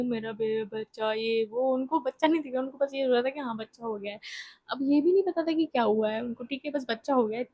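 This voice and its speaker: A woman's voice: high-pitched, dark tone, no room sound. A young woman vlogger candidly telling a personal story, laughing often as she talks.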